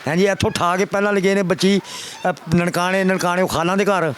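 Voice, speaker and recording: An older man with a Pakistani Punjabi accent speaks quickly, in a high voice, pleading as he repeats himself and calls the listener sir. A faint hum of background noise sits under his voice. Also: steady tone. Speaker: complainant father. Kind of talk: emotional testimony to a reporter.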